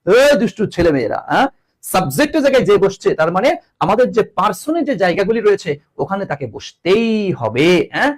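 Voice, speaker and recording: A young male teacher from Bangladesh, speaking with a high and very lively voice. He explains each line step by step, switches between languages and keeps checking that students follow. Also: quick pace. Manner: explains line by line, often asks students questions; mixes English words into his teaching. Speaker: English teacher. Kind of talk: online class lecture.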